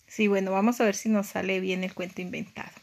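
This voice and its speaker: A woman improvising a fairy tale for a child in a gentle, sing-song manner, repeating words for emphasis. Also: mid-range voice, flat delivery, quick pace. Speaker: storyteller. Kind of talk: improvised bedtime storytelling with a child.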